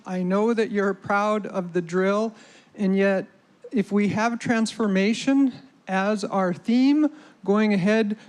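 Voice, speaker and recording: A man making a public comment at a shareholder meeting, urging and challenging the audience. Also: sits high. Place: hotel meeting hall.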